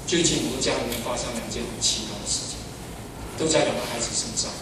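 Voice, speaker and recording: Older pastor preaching in an echoey hall. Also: male voice, mid-range voice, quick pace. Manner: animated storyteller, swings from loud exclamations to soft asides. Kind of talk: sermon with personal stories. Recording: echoey hall, far from the mic, noisy.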